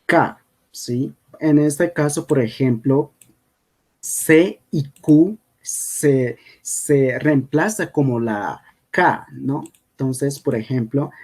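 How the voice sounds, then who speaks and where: A man's voice: mid-range voice, darkish tone, breathy edge. A man whose first language is Kogui teaching a language lesson over slides, often checking in with the listener. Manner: unhurried, checks in with frequent "¿sí?".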